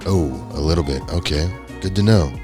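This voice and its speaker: A man's voice: low voice, a little fast, over music. A man hosting a casual podcast chat, rambling and hedging, his microphone clipping and distorted. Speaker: podcast host.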